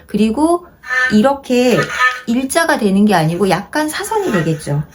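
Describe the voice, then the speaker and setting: A woman teaching a haegeum lesson, patiently repeating each instruction and slowing down to demonstrate. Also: fairly high pitch, big pitch swings. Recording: noisy home-video recording.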